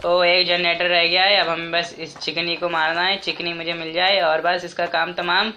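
A man giving casual, jokey gameplay commentary as a gaming YouTuber, talking excitedly to his viewers. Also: high voice, normal speed, lo-fi sound, noisy background. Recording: game music clearly behind voice.

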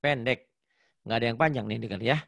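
A man from Indonesia teaching Quran reading in an online lesson, patiently correcting his student and modelling slow, drawn-out recitation. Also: mid-range voice, gravelly, a bit bright. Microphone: online call.

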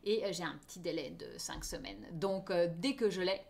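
A woman's voice: fairly low pitch, very animated, moderate pace, creaky, a little mellow. A woman teaching a live online knitting class. She talks in a chatty way and often checks in with her viewers. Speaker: knitting teacher hosting a knit-along.

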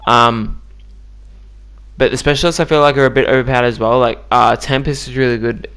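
A man's voice: medium pitch, steady tone, brisk, a bit bright, smooth. A man giving casual, chatty commentary on a video game he just played, with lots of ums and likes. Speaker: gaming YouTuber.

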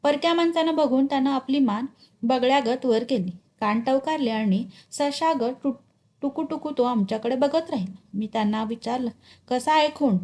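A woman teacher reading a short story aloud in an expressive, clear way. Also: high voice, normal speed.

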